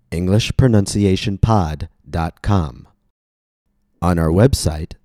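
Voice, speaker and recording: A man with a standard American accent giving scripted pronunciation instruction, enunciating carefully and deliberately as a podcast teacher. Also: low-pitched, warm tone, no echo, clean studio sound.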